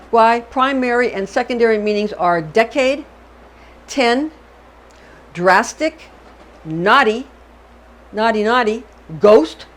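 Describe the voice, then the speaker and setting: A woman hosting an astrology channel, giving a chatty, digressive lecture and often checking in with the listener. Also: a little high.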